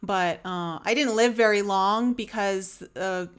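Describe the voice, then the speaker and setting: A woman hosting a podcast chats casually with a guest in a smooth, mid-range voice at a measured pace. She rambles in this interview chat, with many fillers and restarts.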